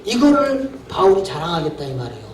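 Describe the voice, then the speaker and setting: A male pastor preaching in a high, animated voice that leaps around. His speech is colloquial and punchy, full of rhetorical questions. He sounds roomy and distant from the microphone, with a soft hiss in the background. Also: fast. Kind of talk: sermon. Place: seminar hall. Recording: echoey hall from far off.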